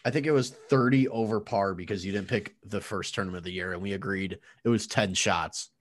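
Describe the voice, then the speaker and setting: A man's voice: lowish voice, fairly quick. A man co-hosting a casual podcast among friends, reading out the standings and laughing often. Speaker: podcast co-host tallying the picks.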